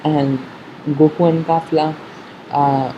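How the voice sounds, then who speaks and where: Speaking in a flat, mid-range voice, a fan muses haltingly about an episode preview, circling back to repeat and fix their words. The recording is muffled and picks up faint background noise.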